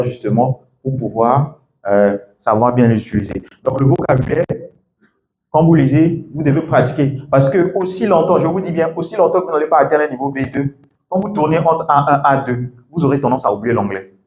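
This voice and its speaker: A man coaching a class on English pronunciation in French, animated and acting out example phrases. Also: mid-range voice. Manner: animated, acts out example phrases, laughs often. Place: classroom or lecture hall. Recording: echoey room, dull lo-fi sound, faint noise.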